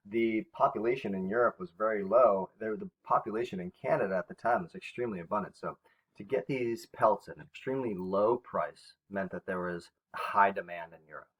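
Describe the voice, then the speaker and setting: Lower-voiced man teaching a history lesson. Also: a little fast, a bit bright, poor audio. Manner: conversational, with fillers and self-corrections.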